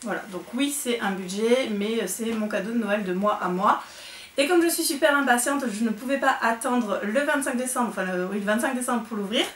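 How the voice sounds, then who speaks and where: A young woman chatting excitedly through an unboxing vlog, with lots of fillers. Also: a little high, brisk, roomy sound, distant mic, a little hiss or hum. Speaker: book vlogger.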